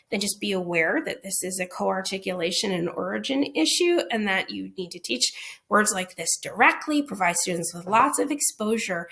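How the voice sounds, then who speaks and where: A woman's voice: mid-range voice, vocal fry, a bit bright. A woman answering teachers' questions in a recorded phonics lesson, explaining patiently and checking in with "okay?" and "right?".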